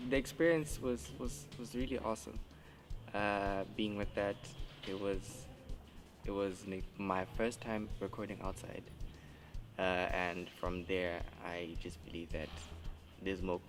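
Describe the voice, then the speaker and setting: A man's voice: lowish voice, slow pace, faint music behind. A young man, a musician answering interview questions and searching for words. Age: 20s.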